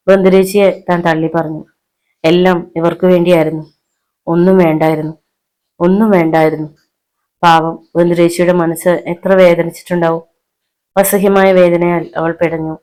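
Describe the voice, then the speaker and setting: A woman's voice: lowish voice, darkish tone, poor audio. Woman narrating a family thriller novel. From Kerala, India. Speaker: audiobook narrator.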